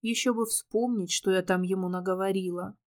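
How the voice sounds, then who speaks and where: A woman narrates a first-person fantasy audiobook with an even, wry touch. Her delivery stays steady and measured through the story. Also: mid-range voice.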